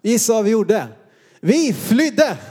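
His voice sits high and mellow, moving through wide pitch swings. The speaker, a man from Sweden in his thirties, preaches a sermon built around personal anecdotes, playing the humorous, self-mocking storyteller as he recalls his boyhood.

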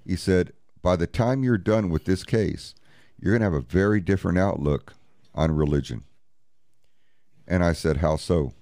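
A paranormal investigator tells a story in an interview, bluntly and profanely replaying each exchange with "he goes" and "I said." His low, mellow voice keeps a moderate pace, and the recording is dry.

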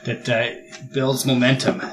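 A man's voice: mid-range voice, little pitch movement, slow pace, faint music behind. A man hosting a podcast in a casual, agreeable and chatty way. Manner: agreeable, chatty, light laughter. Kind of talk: casual conversation.

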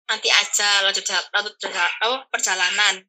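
Brief: young woman, East Javanese accent, very bright tone, animated casual storytelling. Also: mid-range voice, normal speed, poor audio. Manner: animated, acts out quoted people. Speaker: guest telling her story.

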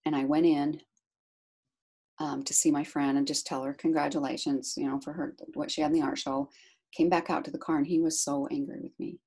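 A middle-aged woman talking about being a caregiver, chatty and animated, laughing often as she tells a story. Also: sits low, fairly quick, husky. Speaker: guest, caregiver to her husband. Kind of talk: casual interview storytelling.

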